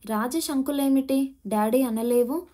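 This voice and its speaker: A woman's voice: fairly high pitch, steady tone, normal speed, mellow, close to an everyday voice. A woman voicing a stern, worried mother who scolds her daughter firmly, in an audio storybook. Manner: scolding, firm.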